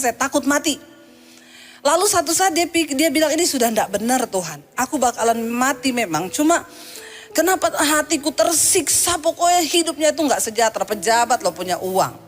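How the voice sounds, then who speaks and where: A woman pastor preaches to a congregation in a high, bright voice. She tells her story with playful humor and lively quoted dialogue. Soft music plays faintly beneath her words. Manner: storytelling with humor, quoting people vividly. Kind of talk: sermon.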